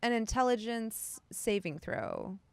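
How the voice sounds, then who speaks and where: A woman running a tabletop roleplaying game as game master, animated and quick to laugh. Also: a little high, creaky, smooth.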